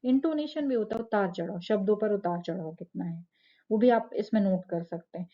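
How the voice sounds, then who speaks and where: A woman's voice: medium pitch, fairly quick, lo-fi sound. A woman teacher giving a lecture, explaining step by step, asking rhetorical questions and checking in with "ठीक है". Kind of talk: classroom lecture.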